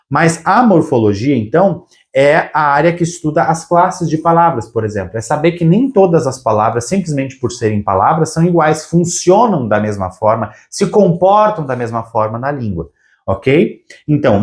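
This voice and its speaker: Man teaching a grammar lesson. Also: medium pitch. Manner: explanatory, repeats key words slowly, many "tá?" and "né?" checks. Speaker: Portuguese language teacher. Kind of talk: recorded video lesson with whiteboard.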